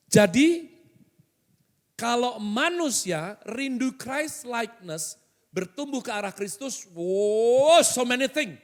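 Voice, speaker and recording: High-pitched, animated male pastor preaching. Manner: animated, rhetorical questions, mixes in English phrases. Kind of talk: sermon. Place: hotel main hall used as a church. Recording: echoey hall.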